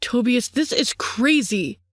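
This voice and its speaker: A woman's voice: fairly high pitch, animated, slow pace, dry recording, studio quality, pitched above the performer's own voice. A woman voicing a young vampire man pleading with his brother in an audiobook. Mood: distraught.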